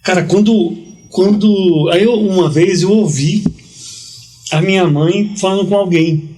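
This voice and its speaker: Man telling a lively slangy story. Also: sits high, unhurried, faint music behind. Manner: lively storyteller, slangy, quotes people in dialogue. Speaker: guest. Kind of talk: casual storytelling.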